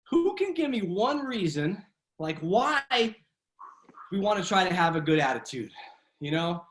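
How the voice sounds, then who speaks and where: A man with a high-pitched, somewhat bright voice coaches a kids' martial arts class online from his home. He keeps things casual and encouraging, often tagging on a "right?" to check in, and the talk is upbeat coaching and discussion.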